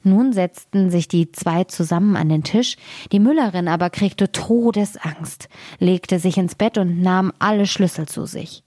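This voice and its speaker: A woman reading a fairy tale aloud in a calm, measured storytelling manner, close to a studio microphone. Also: lowish voice, no echo.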